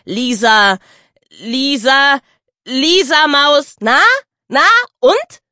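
A woman voicing a cheeky young girl who taunts in shrill, sing-song rhymes. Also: expressive, drawn-out words, pushed and bright, dry recording, clean studio sound, heavily acted. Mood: shrill teasing.

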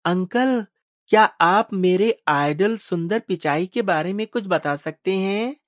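A man's voice: high voice, slow pace, no room sound, clean studio sound, voice pushed up. A man voicing an eager, curious young boy in a storybook, asking questions.

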